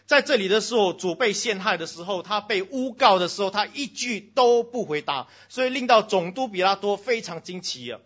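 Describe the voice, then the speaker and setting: A man preaching a sermon to a congregation, switching between loud exclamations and hushed lines, slipping in English phrases and speaking directly to the children. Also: high voice, animated, a little fast, hardly any pauses, husky, highs cut off.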